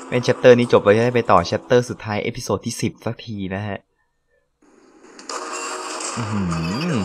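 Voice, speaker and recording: Young guy narrating a shooter game, keeps it quiet but yelps and laughs a lot, game music going behind. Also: mid-range voice. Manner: excitable, exclaims and laughs often, slangy; speaks quietly late at night. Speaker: gameplay commentator. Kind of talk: casual let's-play commentary.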